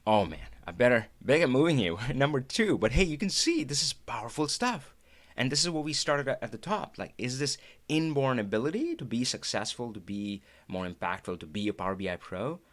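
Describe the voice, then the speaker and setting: He's a middle-aged man from India, a native Hindi speaker with an Indian accent, hosting a live talk. His medium-pitched voice moves fairly quickly, and he's chatty and animated, laughing a lot.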